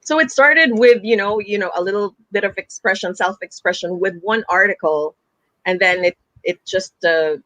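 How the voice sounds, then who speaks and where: A man's voice: high-pitched, normal speed, bright, forceful tone, no room sound, rough recording. A man in his late forties hosting an interview, chatty and upbeat. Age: late 40s. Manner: chatty, upbeat, laughs often. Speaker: host. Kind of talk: interview talk show.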